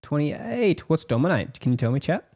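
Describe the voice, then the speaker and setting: A man's voice: a little high, very animated, normal speed, a little mellow. A man co-hosting a podcast, bantering in a playful, teasing way. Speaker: podcast co-host. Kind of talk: casual banter.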